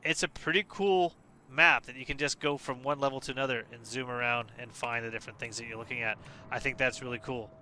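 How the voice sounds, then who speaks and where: Man, tired, gameplay walkthrough, hesitant fillers, very bright tone. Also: medium pitch, quick pace, slight background noise. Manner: relaxed, hesitant, many fillers and restarts. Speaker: gaming video creator.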